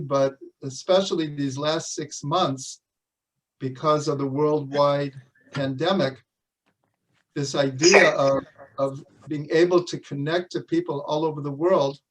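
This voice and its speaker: A rabbi opens an online lesson in a warm, measured voice that sits a bit high. He is a little far from the microphone, so the sound sits back in the room. He is welcoming and steady. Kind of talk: online lecture.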